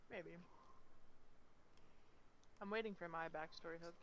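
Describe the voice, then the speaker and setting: A woman's voice: lowish voice, measured pace, a bit bright, slight background noise. A woman playing a tabletop game, bantering casually in a joking, sardonic way.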